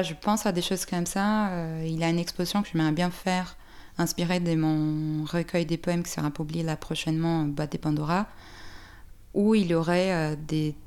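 A woman's voice: lowish voice, darkish tone, clear, resonant tone. A woman from Brazil speaking French with a Brazilian Portuguese accent, a poet answering interview questions thoughtfully and hesitantly. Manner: thoughtful, hesitant, many fillers and restarts. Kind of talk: interview conversation.

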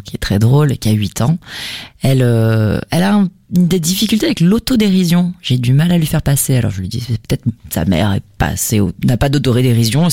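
A man's voice: mid-range voice, creaky, darkish tone, no room sound, clean studio sound. A man hosting a conversation, speaking reflectively, asking questions and finishing his guest's thoughts. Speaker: host. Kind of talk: casual conversation.

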